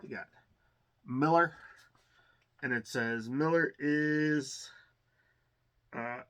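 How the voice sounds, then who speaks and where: A man hosting a collector's unboxing channel talks casually, hesitantly and ramblingly, thinking aloud while a bit under the weather with an occasional cough. His voice is a little high, fairly bright, clear and resonant, and he draws out his words.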